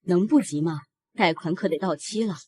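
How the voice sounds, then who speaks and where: An actress playing a shrewd older mother-in-law in a drama, speaking calmly in a low, husky voice. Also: normal speed. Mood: knowing.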